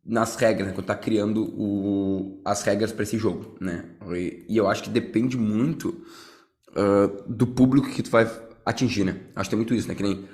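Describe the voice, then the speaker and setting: A man hosting a casual podcast chat, relaxed, ending many phrases with a tag question. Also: lowish voice, normal speed.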